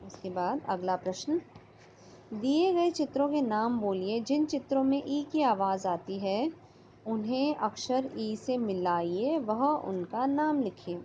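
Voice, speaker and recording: A woman's voice: a little high, lively intonation, unhurried, dark tone, a little hiss or hum. A woman teacher going through a workbook lesson, patiently sounding out letters and words. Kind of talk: online class lesson. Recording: slightly dull lo-fi audio.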